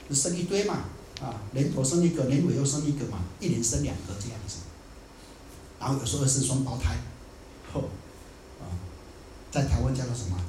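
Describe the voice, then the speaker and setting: A man giving a dharma talk, animated and acting out the people he quotes. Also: medium pitch, roomy sound, background noise. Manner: animated, acts out quotes in dialect. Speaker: Buddhist teacher.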